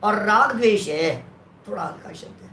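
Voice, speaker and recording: A man's voice: sits high, lively intonation, moderate pace, bright, forceful tone. A man giving a religious scripture lecture in an explanatory way, often checking that his listeners are following. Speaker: scripture teacher. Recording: roomy echo.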